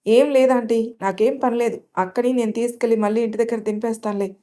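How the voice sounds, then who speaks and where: A woman's voice: a little high, fairly even intonation, fast, dark tone, lightly acted. A woman voicing a cheerful, reassuring young woman who is a loyal friend.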